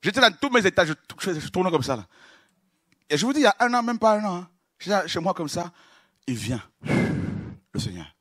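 A man preaching a sermon, moving from low, confiding talk to shouted praise. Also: big pitch swings, a little fast, pauses often, dry recording, clean studio sound.

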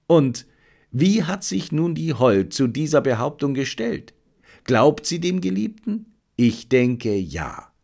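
A man's voice: a little high, big pitch swings, slow pace, creaky, a little mellow, exaggerated voice. A male audiobook narrator voicing an intense, fired-up male detective who lectures his assistant urgently. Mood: insistent.

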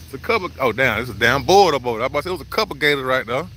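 A man vlogging live at an outdoor zoo, joking loudly in slangy banter. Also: medium pitch, animated, very fast, slight background noise. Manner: loud, joking, slangy banter with frequent laughs. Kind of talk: casual live vlog.

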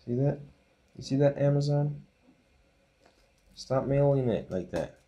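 A man in his thirties hosting a casual unboxing vlog, reading titles off with small relaxed asides. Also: mid-range voice, measured pace, background noise. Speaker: channel host unboxing a disc set.

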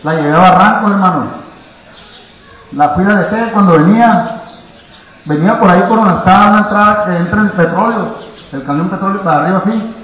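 High-voiced Mexican man giving fervent church testimony. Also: brisk, pauses often. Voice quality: fervent, with bursts of shouted praise. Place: large church hall. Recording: echoey, dull church sound system.

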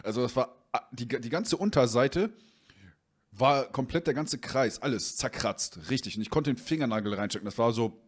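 A young man tells a funny story to his camera in a loose, rambling way. He uses lots of fillers and acts out the back-and-forth. His voice sits at an ordinary pitch. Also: animated, normal speed, breathy edge. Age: young adult. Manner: rambling with fillers, reenacts dialogue. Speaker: vlogger. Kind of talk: casual storytelling.

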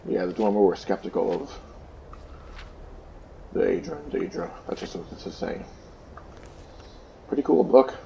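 Low gravelly man reading aloud. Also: little pitch movement, moderate pace, long pauses, dark tone, muffled recording, a little hiss or hum. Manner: plain reading broken by loose explanations with fillers. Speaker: let's play host. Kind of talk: reading an in-game book aloud with casual asides.

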